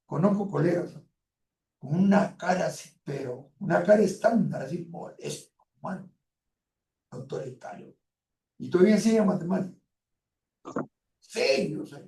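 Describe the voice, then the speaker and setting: A man's voice: sits high, animated, normal speed, gravelly, pauses often, warm tone, roomy sound, recorded from a distance. A man giving an online university class. He stretches words out for emphasis, uses many fillers and speaks to his students in a direct, colloquial way. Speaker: university lecturer.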